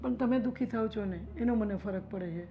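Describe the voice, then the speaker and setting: A woman acting as a wife who gently offers to leave home so her husband is spared gossip. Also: mid-range voice, fairly quick, soft background music, lightly acted. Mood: gentle. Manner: soft, self-blaming, gentle. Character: older wife who feels she burdens her young husband. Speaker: wife in a family drama. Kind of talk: Gujarati short-film acting. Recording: dull lo-fi sound with faint noise.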